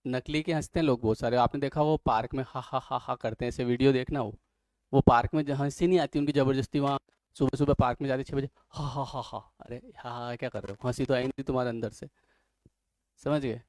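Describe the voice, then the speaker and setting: A man teaching an English vocabulary class, teasing his students and reading definitions out slowly. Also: mid-range voice, steady tone, darkish tone, no echo. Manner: joking, teasing students between word lists. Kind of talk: online class lecture.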